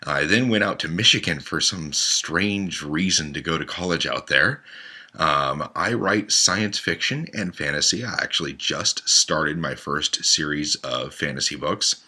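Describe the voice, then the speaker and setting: Really deep guy in his late 20s, stuffy from a cold, husky but bright edge, chatty rambling intro. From western United States. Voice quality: slightly congested, husky. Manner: chatty, rambling, a bit self-mocking. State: has a cold. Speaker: show member introducing himself. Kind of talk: casual self-introduction monologue.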